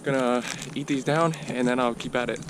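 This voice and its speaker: A man's voice: mid-range voice, fairly even intonation, normal speed. A man chatting casually to his camera outdoors as he records a vlog. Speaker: vlogger. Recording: noisy outdoor ambience.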